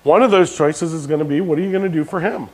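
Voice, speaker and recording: A man's voice: a little high, fast talker, husky. A pastor preaching a sermon, questioning his congregation and dropping jokey asides. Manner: call-and-response questions to the congregation.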